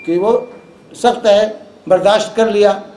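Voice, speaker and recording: Urdu-accented male lecturer, high voice, patient explainer, echoey hall with faint hiss. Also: measured pace. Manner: calm explanatory, repeats points for emphasis. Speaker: Islamic lecturer. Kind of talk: lecture with audience questions.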